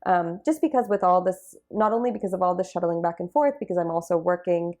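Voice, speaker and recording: A young woman, a Bharatanatyam dancer being interviewed, talks fast and animatedly in a fairly low, darkish voice. She reflects casually on her dance journey, using many fillers.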